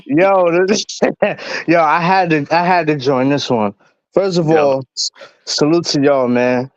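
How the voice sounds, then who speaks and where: A man's voice: a little high, slow, long pauses, no echo. A man calling in over a phone line for a casual chat, brash and slangy, laughing often. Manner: brash, slangy trash talk with frequent laughter. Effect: heard over a phone call. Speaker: caller on a livestream. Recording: dull, lo-fi phone audio.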